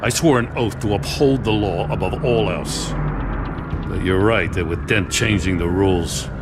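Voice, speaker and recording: An actor plays a dutiful middle-aged police lieutenant in a dramatic video game scene, sounding earnest, frustrated, weary, and troubled. His voice sits low at a normal speed, lightly acted, with music behind it.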